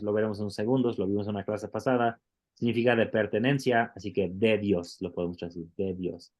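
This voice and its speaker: A man's voice: fairly low pitch, a little mellow. A man who teaches Greek in an online class and explains things patiently, step by step, often restarting his words.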